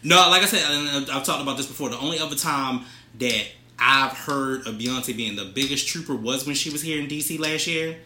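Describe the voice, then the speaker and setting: A man's voice: medium pitch, a little fast, sharp tone, reverberant. A young man, co-hosting a casual, profane celebrity gossip chat and reading news items aloud with commentary. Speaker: podcast co-host.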